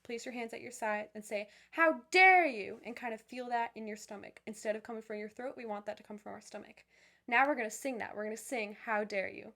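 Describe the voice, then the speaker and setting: A young woman who leads viewers through vocal warm-ups, encouraging and upbeat, with many fillers and restarts. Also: a little high, fairly even intonation, fast talker, vocal fry. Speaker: voice teacher. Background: piano.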